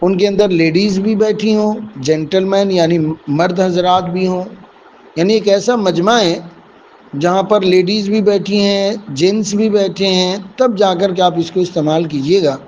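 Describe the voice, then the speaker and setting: A man's voice: high voice, steady tone, darkish tone, highs cut off, a little hiss or hum. A man teaching a vocabulary lesson, explaining English words one by one with Urdu and Hindi meanings and calling his listeners dear students.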